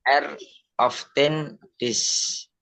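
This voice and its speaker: A man with an Indonesian accent, a student reading out an English definition in class, halting word by word. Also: fairly high pitch, steady tone, gravelly, fairly bright tone, dry recording, poor audio.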